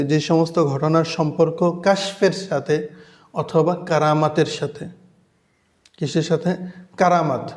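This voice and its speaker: A man's voice: on the high side, a little mellow. A man giving a religious lecture, explaining patiently, often asking the listeners "right?" and reciting Arabic phrases. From Bangladesh. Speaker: Islamic lecturer.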